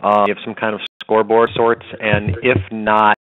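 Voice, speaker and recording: A man's voice: on the low side, completely flat delivery, normal speed, clear, resonant tone. A man introducing himself as an executive director and putting a formal question to a panel. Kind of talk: webinar question. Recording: phone-line audio.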